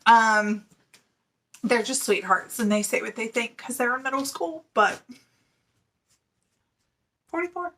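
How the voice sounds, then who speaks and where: Hosting her knitting video podcast, a woman in her forties who teaches middle school chats casually to camera, giggling often between fillers. She speaks slowly with long pauses, in an animated, fairly bright voice on the high side.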